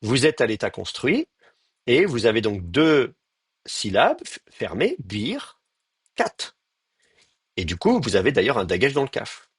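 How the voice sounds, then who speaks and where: A man's voice: mid-range voice, sing-song, moderate pace, slightly rough, no echo, clean studio sound. A man teaching a live grammar lecture, thinking aloud with many fillers and restarts and speaking straight to his students. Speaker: Hebrew teacher.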